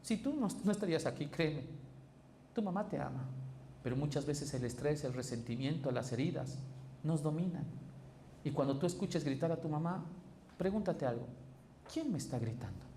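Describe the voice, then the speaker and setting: A man's voice: animated, moderate pace, pauses often, dark tone. Emphatic male pastor in echoey church. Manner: emphatic preaching with big pitch swings and quoted dialogue. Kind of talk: sermon. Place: church sanctuary. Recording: echoey church hall with faint noise.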